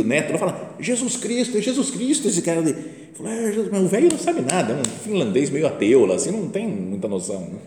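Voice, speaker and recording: A man casually retelling a film's plot as a host, acting out the quotes. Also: medium pitch. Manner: animated storyteller, acts out quotes. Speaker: podcast host. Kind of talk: casual film retelling in a meditation talk. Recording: roomy reverberant room.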